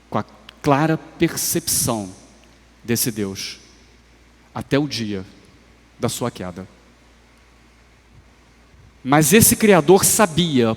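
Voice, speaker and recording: A man with a Brazilian Portuguese accent preaching a sermon in a church. He speaks slowly and measuredly, rising to emphatic swells and then dropping to soft, low phrases. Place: church sanctuary. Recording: livestream with long hall reverb.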